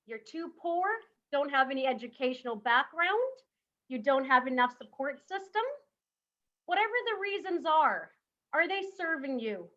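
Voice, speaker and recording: A woman's voice: high voice, fairly bright tone, highs cut off. A woman in her thirties giving a motivational summit talk, emphatic and full of rhetorical questions. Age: 30s. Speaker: summit speaker.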